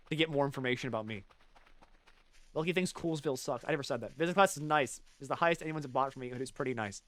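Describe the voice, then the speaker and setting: A man with a cold chatting casually while streaming a game, rambling and swearing, swinging from mumbled asides to loud jokey bits. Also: mid-range voice. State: has a cold. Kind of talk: casual gaming stream chat.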